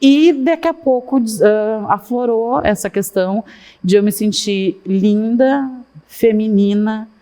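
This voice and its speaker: A middle-aged woman, a guest in a casual interview, talking at length and in an animated way with many asides. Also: fairly high pitch, slow pace. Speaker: guest, fashion consultant.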